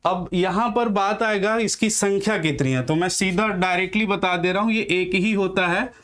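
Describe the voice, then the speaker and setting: A man teaching a classroom grammar lesson, slowly repeating key terms and asking then answering his own questions while he writes on a board. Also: high-pitched, a bit bright.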